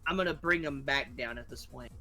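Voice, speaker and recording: Bright-voiced man playing a tabletop game. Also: medium pitch, fairly quick, soft background music. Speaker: player. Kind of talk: tabletop role-play.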